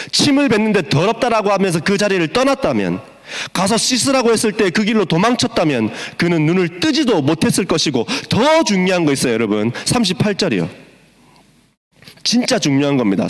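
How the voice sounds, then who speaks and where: A man's voice: high voice, in a large hall. A male pastor preaching to students, acting out the story with quoted voices. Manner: animated, acts out the scene with quoted voices. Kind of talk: sermon to students.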